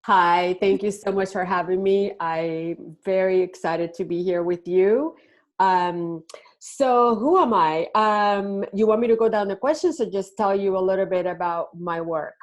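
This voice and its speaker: A middle-aged woman from Puerto Rico, a parenting expert answering interview questions with hesitant pauses and many ums. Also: mid-range voice. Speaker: podcast guest, parenting expert.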